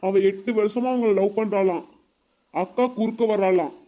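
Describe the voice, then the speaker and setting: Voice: mid-range voice, normal speed, close to an everyday voice. A voice actor playing an eager, loyal young village girl in a cartoon, confiding earnestly. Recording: dull lo-fi sound.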